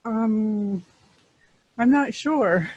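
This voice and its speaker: A woman in her fifties from Florida, calling in to a radio show on a headset and speaking hesitantly, with many pauses and fillers. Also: fairly high pitch, expressive, darkish tone, no room sound. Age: 50s. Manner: hesitant, fills pauses with um and you know. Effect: call-in line audio. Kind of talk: casual call-in chat. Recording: dull, dry call-in line.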